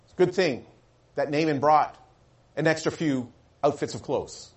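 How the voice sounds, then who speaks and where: A man preaching a sermon, telling a story with animated delivery and acting out the voices of the people in it. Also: on the high side, moderate pace. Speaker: pastor.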